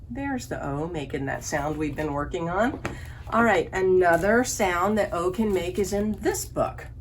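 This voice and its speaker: A woman with a medium-pitched voice leads an online story time for young children as a librarian, with slight background noise. She gives simple instructions and asks the kids questions. The session is a children's online lesson that includes songs.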